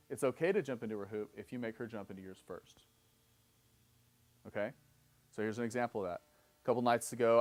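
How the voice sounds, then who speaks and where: A man in his thirties giving a live seminar lecture, explaining step by step, often checking in with "okay?" and acting out both sides of example dialogues. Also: lowish voice. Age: 30s. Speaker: seminar instructor.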